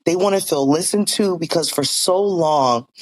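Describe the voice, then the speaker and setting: A man's voice: on the high side, moderate pace, rough recording. A man in his forties from Virginia, talking earnestly and upbeat as a guest in a casual interview, with many "you know" fillers. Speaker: school board member, guest.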